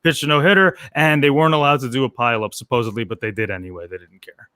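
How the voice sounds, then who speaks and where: A man's voice: mid-range voice, fast talker, bright, forceful tone, smooth, no echo. A man co-hosting a casual talk show, telling light news stories in a loose, chatty way with many fillers. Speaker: co-host.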